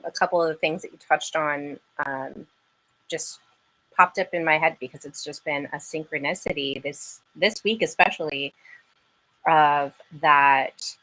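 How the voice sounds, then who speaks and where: Bright, chatty woman podcast host. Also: sits low, poor audio. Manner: enthusiastic and chatty. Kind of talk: casual live-stream interview.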